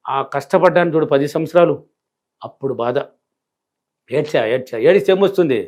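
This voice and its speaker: A man's voice: on the high side, fairly quick, darkish tone. A middle-aged man from a rural village, answering interview questions as a spiritual teacher in an emphatic, repetitive way that drives each point home. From rural India.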